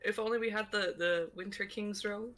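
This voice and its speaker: A woman casting a live esports match, bubbly and quick to laugh, using casual slang. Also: mid-range voice, steady tone, a bit bright. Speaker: esports caster.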